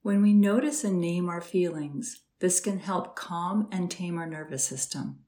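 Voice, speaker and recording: A slightly low-voiced woman runs a guided meditation. She keeps things slow and soft, offering soothing instructions and letting calm pauses settle between them.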